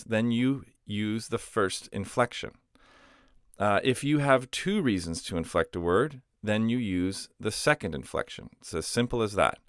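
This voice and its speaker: Male teacher explaining grammar slowly, with a low, smooth voice, dry close sound. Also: no room sound. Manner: patient, step-by-step explanations with frequent "uh" and self-corrections. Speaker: language teacher.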